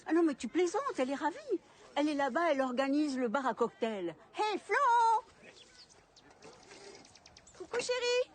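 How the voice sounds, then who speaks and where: A woman's voice: high-pitched, lively intonation, fast talker. A middle-aged actress playing a gushing, gossipy mother.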